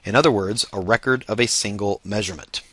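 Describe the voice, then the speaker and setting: A man giving a statistics lecture, explaining step by step and often pausing on "uh" fillers. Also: fairly low pitch, husky, no room sound. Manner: many "uh" fillers, relaxed explaining.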